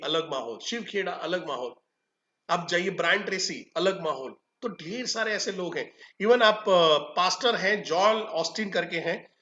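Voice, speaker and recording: A man giving an energetic training talk on tele-calling, animated and full of quick acted examples. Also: high voice. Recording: echoey room, dull lo-fi sound.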